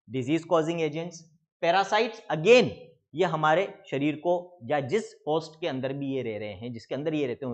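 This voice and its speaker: Male teacher, slightly high voice, exam-prep lecture, dull lo-fi sound. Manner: addresses students as beta, reads textbook lines slowly then explains.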